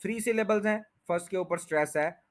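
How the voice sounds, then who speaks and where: A man's voice: high voice, quick pace. A man teaching English pronunciation, patiently repeating each word and stretching its syllables. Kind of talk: pronunciation lesson explained in Urdu/Hindi.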